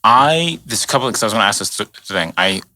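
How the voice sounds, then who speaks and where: An eager male podcast co-host who talks in quick bursts. His voice is fairly low but has a bright, forceful edge to it. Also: lively intonation. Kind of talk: casual chat.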